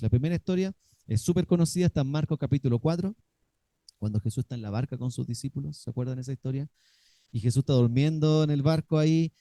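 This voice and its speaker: Preaching as pastor, this man has a warm, medium-pitched voice recorded with no room sound. He is emphatic, frequently questions the congregation, and acts out the quotes he cites.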